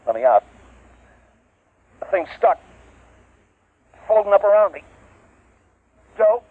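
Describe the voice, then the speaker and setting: A man's voice: mid-range voice, expressive, unhurried, dry recording. An actor playing a male field captain, heard through a throat-mic transmission in an old radio drama. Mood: panicked. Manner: casual, then panicked. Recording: tinny old radio broadcast.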